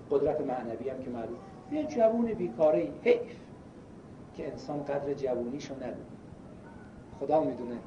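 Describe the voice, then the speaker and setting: Man preaching in an echoey hall. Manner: storytelling, swings between loud emphasis and hushed quotes. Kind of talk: sermon. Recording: echoey, distant, dull lo-fi with faint rumble.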